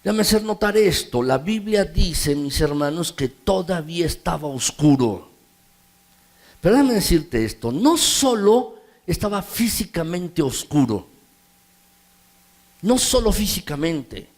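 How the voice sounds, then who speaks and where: Male pastor, Mexican Spanish accent, high voice, scripture reading and preaching. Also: sing-song. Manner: reads scripture slowly, then preaches with rising emphasis. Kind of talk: sermon.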